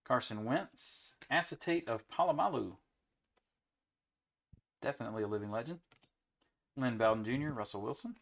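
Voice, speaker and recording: A man in his young adult years runs a card break from home. His voice sits at an ordinary middle pitch, and he chats in an easygoing way, reeling off player names between asides. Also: expressive, normal speed, creaky, pauses often, fairly bright tone. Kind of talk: casual chat while opening card packs.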